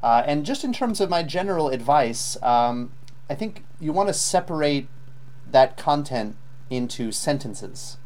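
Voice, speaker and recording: A man's voice: fairly high pitch, very animated, a little slow, darkish tone. Patient male IELTS teacher giving feedback. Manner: patient, explanatory, frequent ums. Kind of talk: live online lesson feedback.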